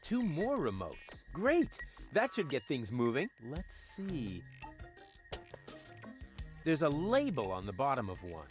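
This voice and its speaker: A cocky, wisecracking game hero. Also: male voice, medium pitch, slow pace, long pauses, soft background music. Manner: deadpan, wisecracking. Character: cocky scruffy young man, lazy, sarcastic schemer. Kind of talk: video game dialogue.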